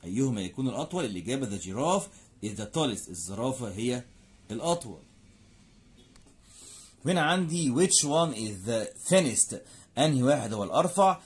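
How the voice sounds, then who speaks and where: Lively Egyptian male teacher drilling grammar. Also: mid-range voice, moderate pace, pauses often. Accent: Egyptian Arabic. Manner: drills words in English then Arabic, asks and answers his own questions. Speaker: English teacher. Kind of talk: classroom lesson explaining grammar.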